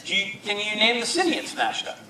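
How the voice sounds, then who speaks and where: A man with a high, very animated voice hosts live horror movie trivia, bantering and joking as he goes. He is picked up from a distance in an echoey hall, with an audience behind him. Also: fast, slight background noise. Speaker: quiz host. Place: large hall at a live event.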